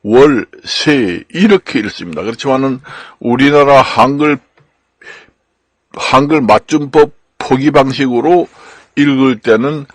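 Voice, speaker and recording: An older man from Gangwon Province giving an unscripted lecture as a channel host, slow and halting with many fillers and repeated words. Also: mid-range voice, no room sound. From Gangwon Province, Korea. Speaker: channel host explaining law and Chinese characters.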